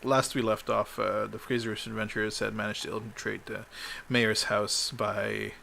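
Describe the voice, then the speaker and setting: A man running a tabletop game as game master, recapping the last session in a halting way, full of ums and uhs. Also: on the low side, level tone, vocal fry, pushed and bright, slight background noise.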